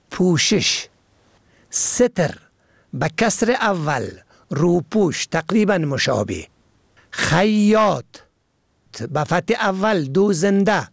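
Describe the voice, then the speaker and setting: High, gravelly male lesson reader. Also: dry recording, clean studio sound. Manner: measured, deliberate enunciation of word pairs. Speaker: presenter of an educational program. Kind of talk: scripted educational reading.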